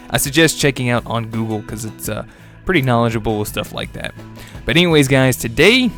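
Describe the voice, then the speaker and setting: With faint music underneath, a young gaming video host offers casual let's-play commentary on his own footage. His voice is medium in pitch and fairly bright, though stuffy and congested. He sounds chatty and upbeat, sprinkling in small laughs and filler words.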